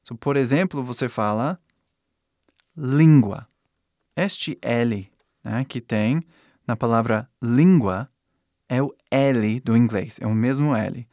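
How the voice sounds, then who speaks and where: Male English teacher, native English speaker, patient and encouraging, demonstrates sounds; dry close mic, mid-pitched. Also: a little mellow, no room sound. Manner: patient, reassuring, repeats sounds slowly to demonstrate. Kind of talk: language lesson.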